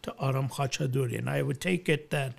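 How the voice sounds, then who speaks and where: Gravelly-voiced male interview host. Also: medium pitch, a little fast. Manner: courteous, with fillers and repetitions. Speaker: radio show host, interviewer. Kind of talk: interview questions.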